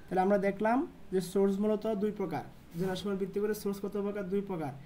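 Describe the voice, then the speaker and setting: A woman tutoring electronics at a board, asking questions and answering them herself in a lower voice. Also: steady tone, rapid-fire, warm tone, a little hiss or hum. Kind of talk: whiteboard lesson.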